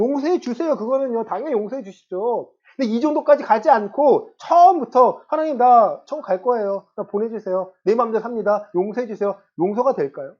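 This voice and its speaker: A man's voice: sits high, a little mellow, slightly rough, lo-fi sound. A male pastor in his thirties preaching a sermon in a church, stressing points with rhetorical questions to the congregation. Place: church sanctuary.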